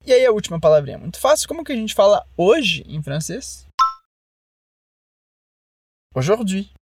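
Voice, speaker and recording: A French teacher gives a language lesson, modeling phrases slowly and carefully so the listener can repeat them. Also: mid-range voice, very animated, darkish tone, breathy edge, dry recording.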